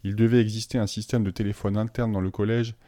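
A man narrating an audiobook in a calm, measured storytelling voice. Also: fairly low pitch, dry recording, clean studio sound. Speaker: audiobook reader.

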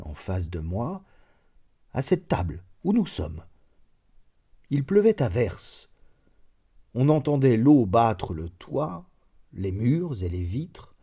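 A man reading a classic story aloud in an expressive, measured storytelling manner. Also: mid-range voice, husky. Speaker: audiobook reader. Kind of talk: literary narration.

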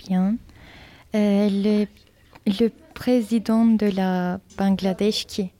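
Woman asking short questions slowly, mellow voice, school interview. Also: mid-range voice, fairly even intonation. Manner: brief, scripted questions.

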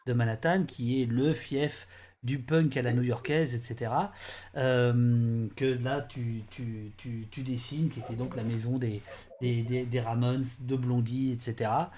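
A man's voice: medium pitch, steady tone, a little slow, warm tone, slight background noise. A man hosting an interview, hesitant and full of restarts as he asks his guests about their book. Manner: hesitant, many restarts and fillers. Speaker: host. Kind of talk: casual interview chat.

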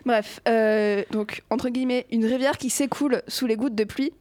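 A woman's voice: a little high, fairly even intonation, moderate pace, a little mellow, no echo. A teenage girl co-hosting a student show, explaining her poem with hesitant, stumbling restarts. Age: teens. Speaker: student co-host.

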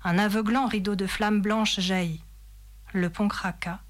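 A woman reading a fantasy novel passage aloud in a dramatic, measured storytelling manner. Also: mid-range voice, fairly even intonation. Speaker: reader.

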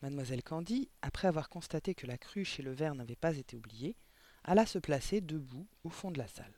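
A man narrating a children's novel aloud with clear, expressive reading. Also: a little high, fairly quick, no room sound. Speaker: audiobook reader. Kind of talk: storybook narration.

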